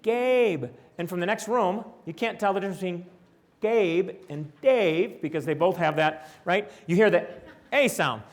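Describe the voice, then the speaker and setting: Animated older man lecturing. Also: high-pitched, normal speed. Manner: animated, demonstrates speech sounds aloud. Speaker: presenter. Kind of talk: conference lecture. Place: lecture hall.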